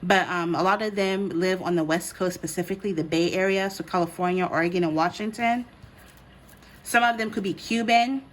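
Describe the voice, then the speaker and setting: Here a tarot card reader and host chats with her audience in a relaxed, conversational reading. She was born in the US and grew up in Ghana, and her voice is lowish and brisk.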